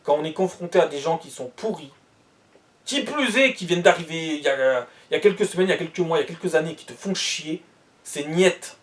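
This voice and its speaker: A man's voice: a little high, lively intonation, brisk, far from the mic. A man ranting bluntly and heatedly in a monologue, repeating himself as he reacts to the news.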